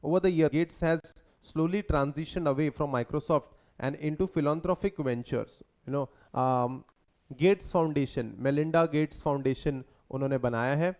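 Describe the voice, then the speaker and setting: Slow-spoken male teacher. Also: a little high, a little mellow. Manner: conversational, quizzes students with questions. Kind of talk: lecture mixing Hindi and English.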